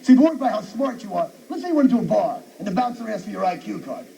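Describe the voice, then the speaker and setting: Brief: abrasive male stand-up, rapid-fire sarcastic rant, high gravelly voice, distant mic. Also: sing-song, mellow, lo-fi sound. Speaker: stand-up comedian. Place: comedy show stage at a university. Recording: distant noisy live radio recording.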